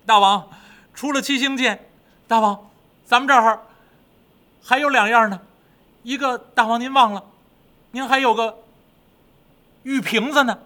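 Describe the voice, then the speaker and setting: A man's voice: extremely high pitch, unhurried, pauses often, pushed and bright, voice pushed up, heavily acted. A man voicing a fawning little male demon servant who reports to his master eagerly.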